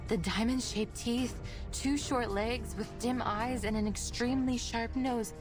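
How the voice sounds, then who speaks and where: A woman voicing a composed, protective adult scholar in game dialogue, with a measured, explanatory delivery. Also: on the high side, steady tone, close to an everyday voice. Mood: alert. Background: game music.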